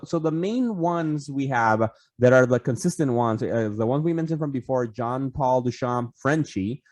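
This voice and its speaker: A man's voice: medium pitch, darkish tone, no room sound. A man co-hosting a casual podcast over a video call, rambling with lots of restarts, fillers and swearing. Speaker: podcast co-host.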